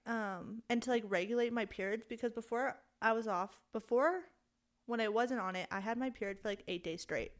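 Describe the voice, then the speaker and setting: A woman's voice: on the high side, fairly quick. A woman in her twenties co-hosting a podcast, chatty and storytelling, swearing and laughing often. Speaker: podcast co-host. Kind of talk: casual chat.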